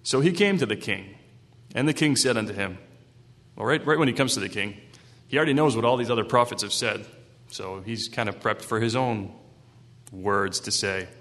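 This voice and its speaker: A man's voice: lowish voice, moderate pace, fairly bright tone. A male preacher reading scripture aloud and then retelling it in casual language. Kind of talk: Bible reading with sermon commentary. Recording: long hall reverb.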